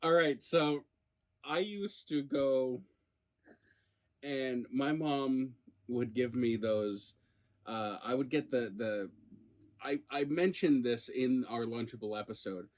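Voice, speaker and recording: A man's voice: mid-range voice, slow pace, darkish tone. A man hosting a food review in casual chat, probing with playfully incredulous questions. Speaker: food review show host.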